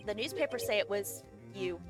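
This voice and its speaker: A woman's voice: mid-range voice, brisk, music in the background, close to an everyday voice. A woman voicing a nervous young male defense lawyer, narrating in a dry, wry way.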